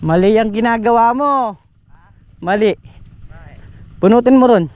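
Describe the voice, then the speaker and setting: A Filipino-accented man with an extremely high, slightly mellow voice narrates a casual farm vlog at a measured pace, chatting informally in an open field by water. The handheld action-camera audio is windy and noisy, with the highs cut off.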